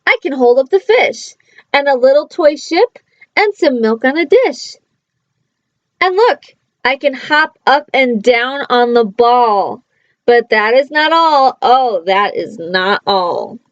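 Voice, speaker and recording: An eager, boastful storybook cat, played by a woman reading aloud. The pitch sits high and swoops freely, with a showy, coaxing manner. The sound is close and dry. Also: expressive, slow, no echo, muffled recording. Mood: boastful, excited. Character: playful, boastful male cat in a hat, eager showman. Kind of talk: children's storybook read-aloud.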